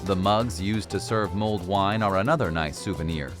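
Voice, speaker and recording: A man's voice: low voice, moderate pace. A man reading scripted narration as a voice-over for a travel documentary. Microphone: studio voice-over. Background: background music.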